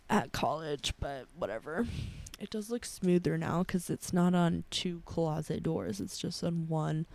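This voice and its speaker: A tired young woman in her twenties hosting a casual advice podcast from her bedroom, talking softly and slowly. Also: mid-range voice, vocal fry. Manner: soft, sleepy and unhurried. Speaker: podcast host. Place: her bedroom at her parents' house.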